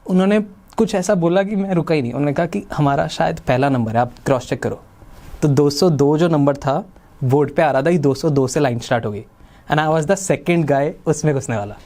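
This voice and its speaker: A young man with a Delhi Hindi accent hosts a podcast and tells a personal story. His voice sits a little high for a man, and he slips into the voices of the people he quotes. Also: fairly quick, dark tone. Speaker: podcast host.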